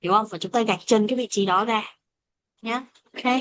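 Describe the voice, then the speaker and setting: A woman with a Vietnamese accent teaches English pronunciation in a classroom style. She explains each point, then slows down to model example phrases carefully. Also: fairly high pitch, no room sound.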